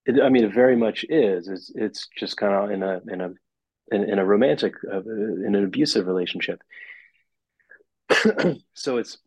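A man, a therapist on a podcast, explaining ideas in a measured way with some fillers and restarts. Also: fairly low pitch, darkish tone, slightly rough, no echo, rough recording. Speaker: therapist guest. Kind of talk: interview answers.

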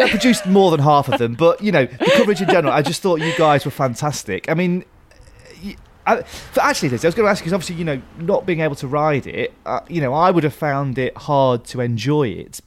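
A man's voice: on the high side, animated, a little fast, slight background noise. A man with a Nottingham accent, chatting casually as a podcast host in a teasing way. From Nottingham, England. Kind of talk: casual chat.

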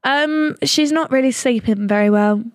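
A young British woman with a fairly high voice, nasal and stuffed up with a cold. She chats casually as a co-host in a blunt, informal, sweary way. The sound is close and dry. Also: normal speed, no room sound. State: has a lingering cold. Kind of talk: casual chat.

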